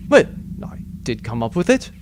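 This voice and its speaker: A man's voice: medium pitch, huge pitch swings, normal speed. A man playing a boastful, roguish space captain in a sci-fi comedy audio drama, pompous, theatrical and wisecracking, on a noisy recording. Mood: smug.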